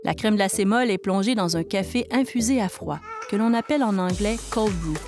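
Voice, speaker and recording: A woman with a Québécois French accent giving scripted narration for a food report, in an even, measured delivery. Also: medium pitch, music in the background.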